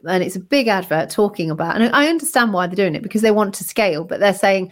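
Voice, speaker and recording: A British woman co-hosting a podcast in a casual, chatty style. Her voice is croaky and froggy, at an average pitch for a woman. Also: expressive, quick pace. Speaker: podcast co-host.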